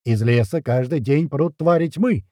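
A man voicing a gruff male drill-sergeant instructor who barks commands in a booming voice. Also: moderate pace, dark tone, no echo, studio quality, natural voice. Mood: stern.

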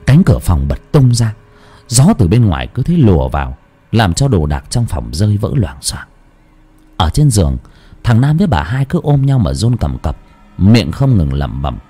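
A man's voice: fairly low pitch, very animated, moderate pace, warm tone, breathy edge, soft background music. A man narrating a lurid village horror story. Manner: dramatic, lurid.

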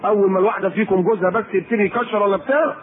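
Egyptian male preacher, playful and animated, on a thin phone-like lecture recording. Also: high voice, racing. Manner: lively, teasing, acts out quoted people. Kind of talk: colloquial sermon to women. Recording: tinny phone-like lecture tape with faint hiss.

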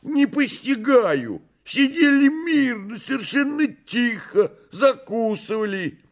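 Высокий, визгливый голос болтливого кота-шута. Он тараторит возбуждённо и театрально, и интонация скачет вверх и вниз. Так звучит персонаж радиоспектакля. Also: male voice, a little slow. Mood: rambling. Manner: excitable, shrill, theatrical. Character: boisterous talking tomcat, fussy jester.

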